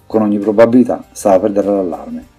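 A man narrates a fantasy audiobook in an even, measured read. His voice is low and dark with a husky edge. Soft music plays faintly underneath.

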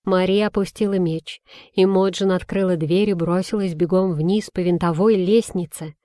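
A woman's voice: on the low side, steady tone, moderate pace, warm tone, dry recording, clean studio sound. Woman narrating a children's fantasy audiobook. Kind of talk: scripted storybook narration.

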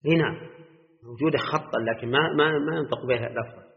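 A man's voice: medium pitch, quick pace, creaky. A male scholar giving a classroom lesson on Quranic grammar. He explains step by step, checks with short questions to his students and chants the verses he quotes. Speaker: Islamic scholar teaching Quran exegesis. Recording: dull lo-fi recording in a reverberant hall.

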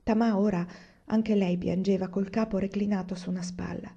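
Audiobook reader, woman, calm and even, dark and husky, dull lo-fi recording. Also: mid-range voice, normal speed. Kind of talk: audiobook narration.

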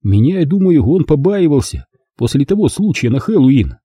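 Husky, dark-voiced male narrator. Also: fairly high pitch, sing-song, normal speed, no room sound, studio quality. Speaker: audiobook narrator. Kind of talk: scripted first-person narration.

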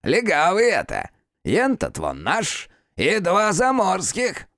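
A man voicing a fat, wheezing, crafty old innkeeper in an audiobook, gruff and mocking. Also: high-pitched, huge pitch swings, slow pace, fairly bright tone, no echo, studio quality, voice pushed up, full character voice. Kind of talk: audiobook character voice.

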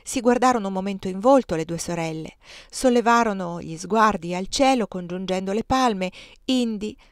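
A woman reading a historical memoir aloud in an expressive, measured storytelling manner. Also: fairly low pitch, no room sound, clean studio sound. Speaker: reader.

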